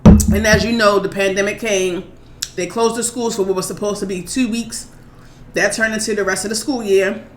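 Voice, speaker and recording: At home in an echoey room with faint background noise, a Maryland woman in her thirties hosts her eating show. Her mid-range voice keeps a moderate pace as she casually rambles through viewer questions, relaxed and chatty with many fillers.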